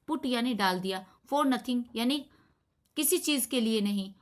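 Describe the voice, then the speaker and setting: A woman teaching an English grammar lesson, reading example sentences slowly and then explaining them step by step. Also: on the high side, a bit bright.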